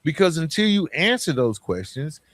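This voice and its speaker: This podcast host has a fairly high, slightly bright voice with a sing-song lilt and a moderate pace. He talks informally and emphatically, motivating listeners through stories and repeated key phrases.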